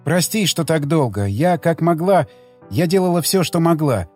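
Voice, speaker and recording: A man voicing a tearful woman who speaks in soft, pleading tones to her lover. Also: on the high side, animated, normal speed, soft background music.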